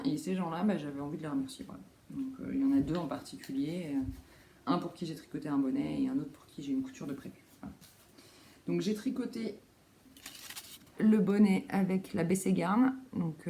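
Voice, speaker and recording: Woman chatting about knitting at home, mellow voice, lots of euh and pardons, echoey room with faint noise. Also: low voice. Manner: rambling, many fillers and self-corrections. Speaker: knitting vlogger. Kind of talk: casual show-and-tell chat. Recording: roomy echo, faint background noise.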